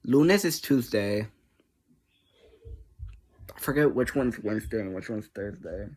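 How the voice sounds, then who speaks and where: Speaking at a medium pitch, a little slowly and with a slightly rough quality, this online creator rambles to viewers in a casual, easily sidetracked way. The energy is high, with plenty of giggling and self-deprecation.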